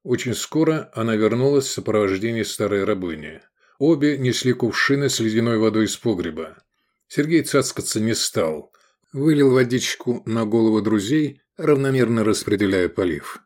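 A man's voice: fairly low pitch, expressive, moderate pace, darkish tone. A man narrating an adventure audiobook, voicing every character expressively.

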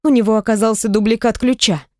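A shy, weary young heroine from an audiobook, speaking in a fairly high voice, as a woman narrator reads her. The recording is close and dry. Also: fairly even intonation, fast talker, no echo, close to an everyday voice. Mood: weary, embarrassed. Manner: weary, embarrassed, soft. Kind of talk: audiobook character reading.

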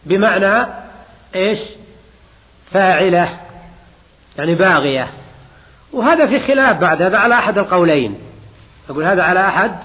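High-voiced man teaching in an echoing hall. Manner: questions the students and repeats key words. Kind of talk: classroom lesson explaining a text. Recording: dull lo-fi audio in a hall with long reverb.

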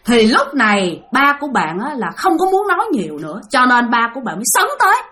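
A woman's voice: on the high side, wildly swooping pitch, quick pace, bright, forceful tone. A woman with a Southern Vietnamese accent narrating a ghost story in a chatty way, talking directly to her listeners.

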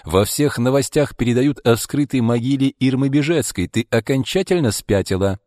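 A man voicing an irritable, powerful middle-aged man who speaks loudly and agitatedly in an audiobook. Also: medium pitch, moderate pace, no room sound, clean studio sound, pitched above the performer's own voice, close to an everyday voice. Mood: angry. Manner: loud, agitated, shouting.

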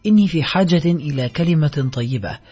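A man with a husky voice voicing a bitter man just out of prison who pleads and complains, in a storybook reading. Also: fairly high pitch, expressive, a little fast, mellow. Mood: pleading. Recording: slightly dull recording, faint music.

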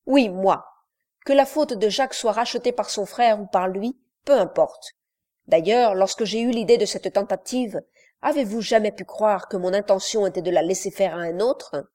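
A woman's voice: medium pitch, normal speed, warm tone, lightly acted. A woman reading an audiobook, voicing a brave teenage boy leader who speaks firmly and resolutely. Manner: firm, resolute.

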